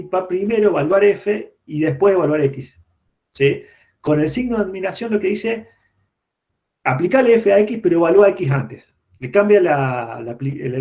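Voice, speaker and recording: A man's voice: fairly high pitch, vocal fry, a little mellow. Argentine man teaching over a dull call. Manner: explanatory, checks in with students often. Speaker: university lecturer. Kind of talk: online programming lecture. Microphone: computer mic on a video call. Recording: dull lo-fi video-call audio.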